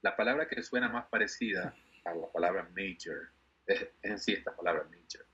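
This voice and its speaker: Male teacher, patient and explanatory, bright edgy tone on dull call audio. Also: deep voice, husky. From Ecuador. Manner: patient, explanatory, repeats words slowly for students. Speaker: English teacher. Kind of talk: online class instruction.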